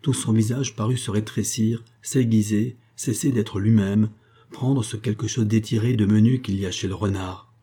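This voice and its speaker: Male audiobook narrator, measured and even, dark and husky. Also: fairly low pitch. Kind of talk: scripted narration of a novel.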